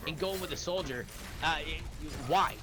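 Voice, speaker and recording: High-voiced man calling esports plays. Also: a little fast. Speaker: esports caster. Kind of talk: play-by-play commentary.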